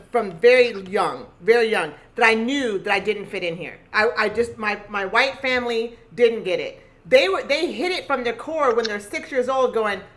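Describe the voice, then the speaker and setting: A woman in casual conversation, talking in an animated and emphatic way. Her voice sits fairly high, and her tone is bright. She often breaks off and restarts her sentences. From Costa Rica.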